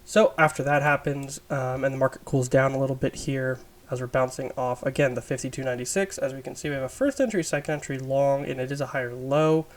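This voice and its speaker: A man with a raspy, under-the-weather voice gives an informal, explanatory chart review as an instructor, thinking aloud as he goes. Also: mid-range voice, fairly even intonation, fast, hardly any pauses, a little hiss or hum. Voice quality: raspy, smoker's-rasp sound. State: sick, raspy voice. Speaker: trading instructor.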